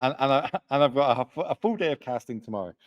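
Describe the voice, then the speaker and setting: A man's voice: medium pitch, lively intonation, highs cut off. A young man commentating a live card game tournament late at night, joking and chatty, sounding tired. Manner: chatty, joking, quick asides.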